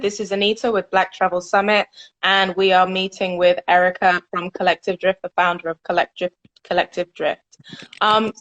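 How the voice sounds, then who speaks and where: A woman's voice: mid-range voice, muffled recording. A woman hosting a casual online interview, asking questions and giving short encouraging replies. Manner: brief encouraging backchannels. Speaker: interview host.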